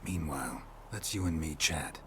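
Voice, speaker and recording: An actor playing a weary monster hunter in a video game, with a very deep, flat, gravelly voice. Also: male voice, measured pace, slight background noise. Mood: gruff. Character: gruff grown man, a weary monster hunter.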